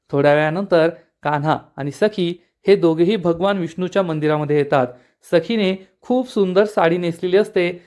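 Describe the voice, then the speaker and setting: A man's voice: high-pitched, darkish tone. A man retelling a TV serial episode as a plain, storytelling narration. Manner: plain storytelling narration, reads out the characters' lines.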